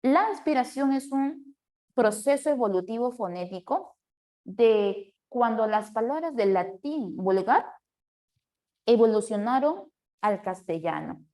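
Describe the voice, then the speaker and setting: A woman's voice: fairly high pitch, measured pace. Woman teacher lecturing and quizzing a class. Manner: checks in with the class often, lively questions.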